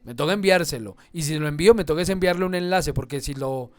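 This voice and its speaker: A man teaching a class. His voice sits a little higher than most men's, and he talks in a patient, explanatory way. He often checks in with his students as he goes. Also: fast talker. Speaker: instructor. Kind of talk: online class lecture.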